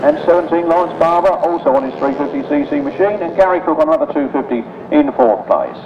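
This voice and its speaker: A man's voice: fairly high pitch, expressive, fast talker, roomy sound. A man giving live motorsport commentary and results, with colloquial, wry asides, over a trackside announcing system. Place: outdoor grasstrack circuit, commentary over speakers. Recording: muffled, noisy trackside PA from far off. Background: loud engine and vehicle noise.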